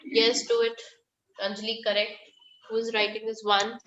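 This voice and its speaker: A woman's voice: fairly high pitch, completely flat delivery, moderate pace, heavy background noise. Female Indian schoolteacher, instructive online-class delivery, mixes Hindi and English, boxy room echo. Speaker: primary school maths teacher. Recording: muffled, echoey online class call.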